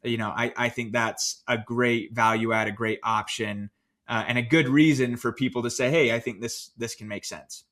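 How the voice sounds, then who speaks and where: A man co-hosting a podcast, recounting his own finance choices in a relaxed, storytelling way with plenty of fillers. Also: mid-range voice, normal speed. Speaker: podcast co-host. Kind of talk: casual podcast discussion.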